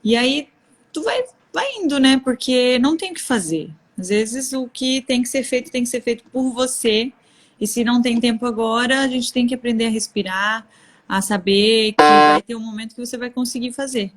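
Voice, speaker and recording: A woman's voice: fairly high pitch, normal speed. A woman in her thirties with a Brazilian Portuguese accent, chatting candidly on a live stream about motherhood, often laughing. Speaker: guest speaker on parenting. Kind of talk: casual live-stream conversation.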